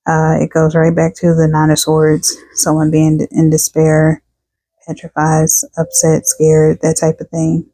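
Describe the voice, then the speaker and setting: A woman's voice: sits low, completely flat delivery, a little slow, dark tone, no echo, rough recording. A woman doing a casual tarot reading for her viewers, chatting and reading card texts aloud, tired and yawning. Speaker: tarot reader.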